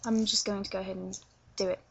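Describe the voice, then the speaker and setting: Here the London vlogger talks quickly in a creaky, mid-range voice with little pitch movement, and faint background noise can be heard. She's casually teaching accents, hesitant and often stumbling, over dull lo-fi webcam audio.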